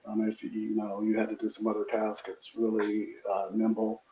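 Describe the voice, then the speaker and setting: A man's voice: fairly low pitch, completely flat delivery, normal speed, warm tone. A man hosting a casual chat, talking easygoing with many fillers. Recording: roomy, dull, noisy line.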